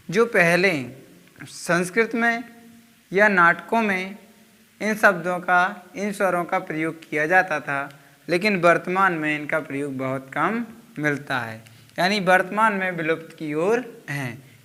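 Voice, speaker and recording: Give me a male coaching-class teacher. He talks very slowly, pulling each vowel sound out long and deliberately, and his voice is bright and a little high. The sound has a long hall reverb. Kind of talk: slow spoken grammar lesson.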